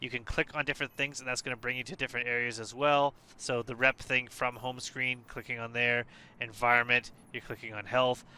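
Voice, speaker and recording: A tired man casually walking through a game update, relaxed and hesitant, with many fillers and restarts. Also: medium pitch, fairly quick, clean tone. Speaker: gaming video creator. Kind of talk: casual gameplay walkthrough.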